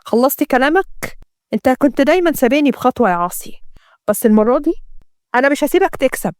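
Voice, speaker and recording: A woman's voice: sits high, animated, fast, no echo, clean studio sound. A woman with an Egyptian accent voicing a bitter, jealous male villain who speaks in a spiteful, menacing way. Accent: Egyptian Arabic.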